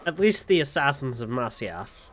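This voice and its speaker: A man giving casual live gameplay commentary as a streamer, musing and halting as he talks. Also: medium pitch, big pitch swings, fairly bright tone, slight background noise. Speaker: game streamer.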